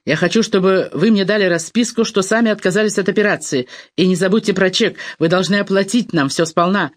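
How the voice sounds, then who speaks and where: A reader voicing a brisk, cold male surgeon in an audiobook. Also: high-pitched, dry recording, studio quality, lightly acted. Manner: brisk and businesslike. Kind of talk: audiobook dialogue.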